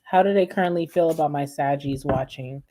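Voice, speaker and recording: A woman giving a casual tarot reading, chatting directly to her viewers in a relaxed, friendly way. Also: deep voice, brisk, slight background noise. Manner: chatty, addresses viewers as guys and y'all. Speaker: tarot reader.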